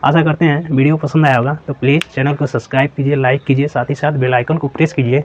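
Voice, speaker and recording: A man teaching a slow, step-by-step lesson, patiently repeating each syllable and checking that viewers follow. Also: mid-range voice, steady tone, a little hiss or hum. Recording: dull lo-fi sound.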